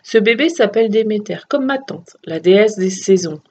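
A woman's voice: medium pitch, lively intonation, normal speed, dark tone, husky. A woman reading a storybook aloud, voicing a curious young boy god who muses to himself. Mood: wondering.

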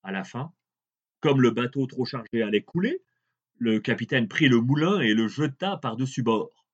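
A male storyteller reads a fairy tale aloud, stretching words for effect. His pitch rises and falls in a very lively way. The recording sounds dull and lo-fi. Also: husky. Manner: expressive, with drawn-out emphasis.

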